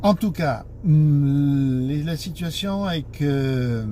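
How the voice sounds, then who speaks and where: A man's voice: fairly high pitch, expressive, slow pace, warm tone, slight background noise. A man giving an informal explanation in broken French, searching for words and making grammatical slips. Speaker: taxi association board member and spokesman.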